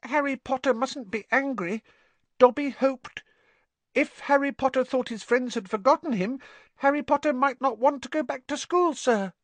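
A man voicing a small, anxious, servile male house-elf in a squeaky, strained voice, speaking of himself in the third person. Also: moderate pace, fairly bright tone, dry recording. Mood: wheedling. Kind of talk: audiobook character voice.

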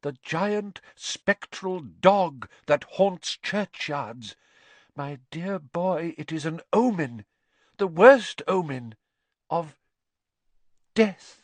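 Man acting female mystic professor, high-pitched, misty, swooping, drawn-out, doom-laden, storybook. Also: animated, no echo, full character voice. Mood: dramatic doom. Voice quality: misty, faint. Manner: theatrical, drawn-out delivery.

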